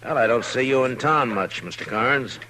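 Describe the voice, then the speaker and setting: An actor playing a calm, authoritative frontier marshal in a 1950s radio western, with an American accent and a dry, measured delivery. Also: male voice, medium pitch, natural voice. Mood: courteous. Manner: laconic, measured. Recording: slightly noisy old radio recording.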